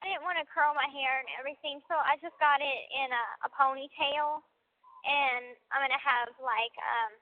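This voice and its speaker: A woman's voice: high voice, steady tone, moderate pace, no echo. A woman chatting casually on a payphone call from a prison phone, filling her talk with "like". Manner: chatty, leans on "like" as a filler. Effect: payphone call over a prison phone line. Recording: tinny, dry payphone line.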